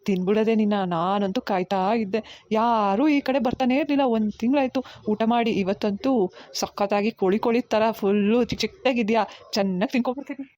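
A woman's voice: mid-range voice, a little fast, a little mellow, no room sound, close to an everyday voice. A woman voicing a gloating male ghost king who cackles and talks menacingly about eating people, in a cartoon. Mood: gloating menace. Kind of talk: cartoon voice acting.

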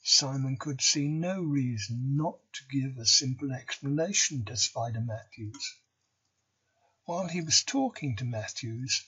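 A man reading a novel chapter aloud for English learners, slow and deliberate. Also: mid-range voice, pushed and bright, breathy edge, lo-fi sound. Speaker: audiobook reader.

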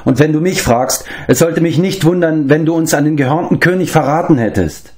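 A man's voice: on the high side, brisk, pitched above the performer's own voice, close to an everyday voice. A proud, touchy young pig-keeper speaks up indignantly and brusquely in a raised voice, as a male audiobook reader puts him on. It is a storybook reading.

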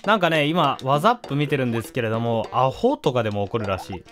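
A man's voice: mid-range voice, expressive, fast talker, a bit bright, soft background music. A man, a gaming YouTuber, commenting casually and with amusement as he plays, recorded on a studio microphone at home. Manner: amused, chatty, reacting to the game. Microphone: studio condenser mic.

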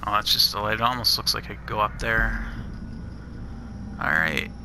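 A man's voice: lowish voice, normal speed, noisy background. A man giving easygoing, casual commentary while playing a shooter, reacting to each find as he goes. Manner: easygoing, muttering reactions to finds. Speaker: gamer playing a custom map. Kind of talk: casual let's-play commentary.

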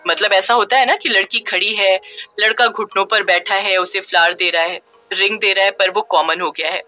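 A woman's voice: medium pitch, fairly even intonation, normal speed, bright, forceful tone, dry recording, faint music behind, lightly acted. Woman playing a teasing young man.

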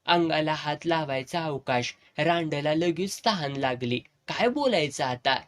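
A man's voice: on the high side, a little slow, fairly bright tone. Man voicing a sneering crude village man. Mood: mocking. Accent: rural Satara Marathi dialect.

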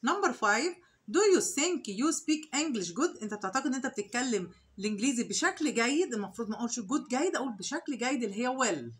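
A woman with an Egyptian Arabic accent, an English teacher, walking through exercise answers. She reads each English sentence slowly, then explains it in Arabic with questions to the students. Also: on the high side, animated. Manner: asks rhetorical questions to the students. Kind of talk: exam answer walkthrough lesson.

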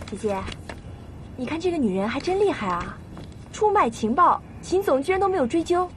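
A woman's voice: high-pitched, big pitch swings, a little fast, fairly bright tone, a little hiss or hum. An actress playing an eager, fawning young female sidekick in a TV drama.

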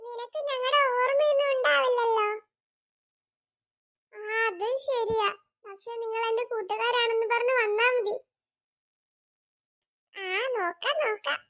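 A woman's voice: very high voice, unhurried, pauses often, exaggerated voice. A woman voicing childlike cartoon friends who bicker and make up. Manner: lively, bickering. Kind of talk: cartoon voice acting.

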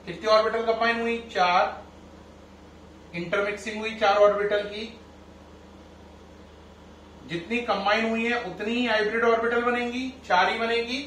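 A high-pitched middle-aged man teaching a chemistry class. He addresses his students as children and keeps checking with them through questions. The sound is roomy and picked up from a few steps away. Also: steady tone, normal speed, long pauses, fairly bright tone, a little hiss or hum. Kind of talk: classroom lecture. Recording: echoey room, mic at a distance.

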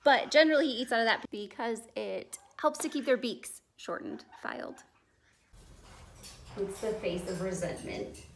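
A woman's voice: a little high, lively intonation, moderate pace, slight background noise. A young woman chatting casually in a home vlog, filming herself at arm's length and talking to her pets. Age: young adult. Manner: chatty, upbeat, talks to her animals. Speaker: vlogger and pet sitter. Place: home, indoors. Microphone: handheld camera at arm's length.

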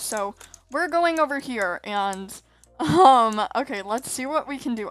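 A woman's voice: sits high, fairly bright tone. A woman giving chatty gameplay commentary, often exasperated and exclaiming as she plays. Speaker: gaming YouTuber.

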